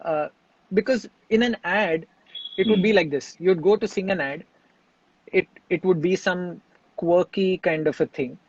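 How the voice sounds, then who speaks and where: Male singer, high voice, thoughtful and halting, dry close sound. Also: breathy edge, dry recording, lo-fi sound. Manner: reflective, halting with frequent restarts. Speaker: singer and composer, interview guest. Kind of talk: relaxed interview conversation.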